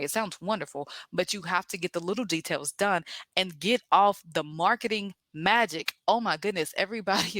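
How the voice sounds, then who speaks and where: Bright-voiced Southern woman coaching. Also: fairly low pitch, no room sound. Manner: energetic, direct, coaching with rhetorical questions. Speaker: podcast host and business coach for therapists. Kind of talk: solo podcast teaching.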